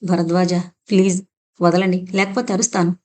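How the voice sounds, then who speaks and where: A woman's voice: on the low side, level tone, moderate pace, darkish tone, lightly acted. A woman voicing a playful, teasing young woman in a spoken audio novel. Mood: frightened.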